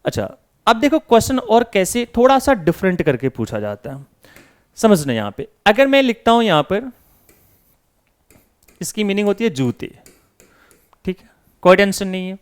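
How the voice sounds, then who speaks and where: A man's voice: high-pitched, big pitch swings, normal speed, pauses often, clean tone. A man teaching English grammar in Hindi, asking and answering his own questions as if voicing his students. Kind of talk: classroom lesson.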